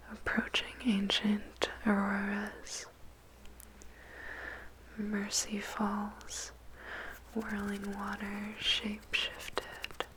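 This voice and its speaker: A woman whispers a poem in ASMR style, phrasing it deliberately with dramatic pauses. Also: medium pitch, poor audio. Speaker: ASMR performer reciting a poem. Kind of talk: whispered ASMR poetry recitation.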